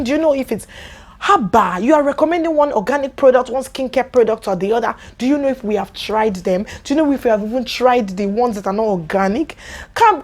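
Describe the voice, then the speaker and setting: A woman's voice: high-pitched, darkish tone. A young Nigerian woman vlogger with a Nigerian accent, ranting angrily to camera and firing off exasperated rhetorical questions. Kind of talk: angry rant to camera.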